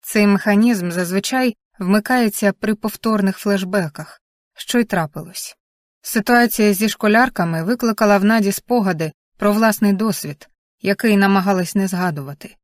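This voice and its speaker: Audiobook narrator: woman, calm and measured, mid-range voice, dry booth sound. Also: mid-range voice, no echo. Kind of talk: scripted narration.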